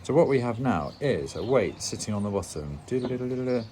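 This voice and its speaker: A man with a very low voice walks through tying a fishing rig step by step, plain and explanatory, with a dry, self-mocking wit. Faint birdsong chirps in the background. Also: sing-song, brisk, warm tone, a little hiss or hum. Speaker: angling channel host.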